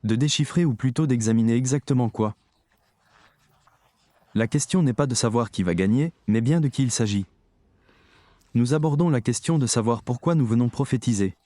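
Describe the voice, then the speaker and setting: A man's voice: medium pitch, normal speed, long pauses, dark tone, no room sound. A man preaching a sermon, talking emphatically and straight to his audience. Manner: emphatic, addresses the audience directly.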